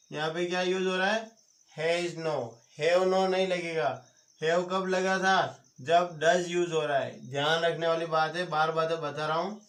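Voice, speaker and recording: A man from India giving an online grammar lesson, quizzing viewers with repeated questions and answering them himself. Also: sits high. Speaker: teacher. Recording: roomy echoey home recording.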